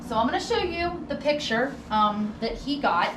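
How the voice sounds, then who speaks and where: A woman's voice: high voice, expressive, normal speed. Woman tour guide telling stories, roomy distant recording. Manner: conversational, acts out quoted dialogue. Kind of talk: casual storytelling on a ghost tour. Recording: roomy, distant mic with noticeable background noise.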